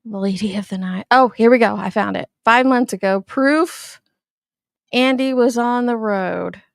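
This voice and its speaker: A woman's voice: fairly high pitch, unhurried, gravelly, no echo, clean studio sound. A woman with a lisp and whistling s, hosting a casual livestream commentary in a blunt, skeptical manner. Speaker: host.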